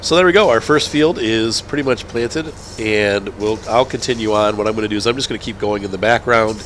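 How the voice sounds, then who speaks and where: Chatting through a farming-game let's-play, a gaming channel host with a cold and clogged nose meanders, laughs and revises what he says. His voice is on the low side, a bit bright and fairly quick, over a little hiss or hum.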